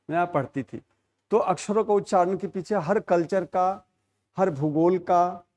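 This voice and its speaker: A man's voice: a little high, a little mellow. Hindi teacher man lecturing a class. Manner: explanatory, repeats key terms as questions and answers.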